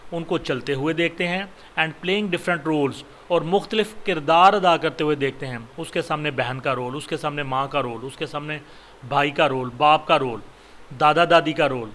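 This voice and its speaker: A Pakistani-accented man gives a recorded university lecture in a slightly high voice. He reads each English line slowly and carefully, then explains it at a quicker pace with hesitant fillers. A faint hiss sits under the recording. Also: a bit bright.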